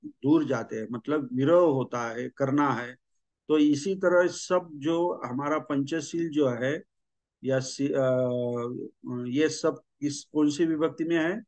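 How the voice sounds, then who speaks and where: A man teaching a grammar lesson, explaining slowly and repeating himself, with frequent fillers. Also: medium pitch, darkish tone, no echo, muffled recording. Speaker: language teacher.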